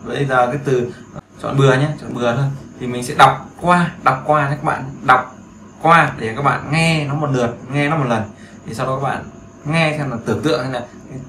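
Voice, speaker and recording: With a medium-pitched, slightly bright voice, a chatty English teacher gives a casual screen-share lesson in an echoey room with faint background noise. He repeats phrases and keeps seeking agreement.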